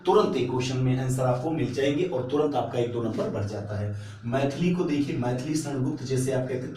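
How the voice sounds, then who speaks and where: A man's voice: mid-range voice, dark tone, slight background noise. A male teacher giving an exam-prep spelling lesson, repeating each word and asking and answering his own questions. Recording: echoey room, mic at a distance.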